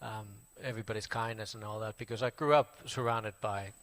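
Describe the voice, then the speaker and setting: A man in his forties from Finland with a Finnish accent, a Buddhist monk casually introducing himself in halting English full of fillers and restarts. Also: on the low side, fairly even intonation, a bit bright. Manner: halting, many fillers and restarts, plain friendly telling. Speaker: Buddhist monk giving a talk. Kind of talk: casual spoken self-introduction.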